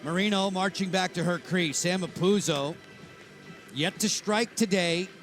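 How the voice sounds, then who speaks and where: A man doing play-by-play commentary for a live lacrosse broadcast, with a steady, informative delivery. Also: high-pitched, a little slow, soft background music, rough recording.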